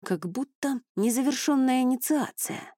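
A woman voicing a calm scholarly professor. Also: lowish voice, normal speed, no echo, clean studio sound, close to an everyday voice. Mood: musing. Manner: calm, inquisitive. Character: cool-headed scholarly older male professor.

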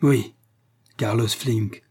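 A man's voice: fairly low pitch, steady tone, extremely slow, mellow, husky, full character voice. A man voicing an ironic, bold male rival explorer in an audiobook reading, with a mocking, taunting manner.

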